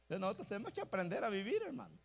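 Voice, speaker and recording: High-voiced man preaching a sermon. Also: sing-song, rapid-fire, creaky. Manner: emphatic preaching, repeatedly addressing the congregation as brother. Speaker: pastor. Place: church.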